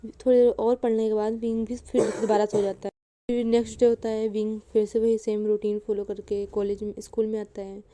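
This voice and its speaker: A woman's voice: mid-range voice, little pitch movement, fairly quick, background noise. A woman casually narrating a fan story and chatting with her viewers.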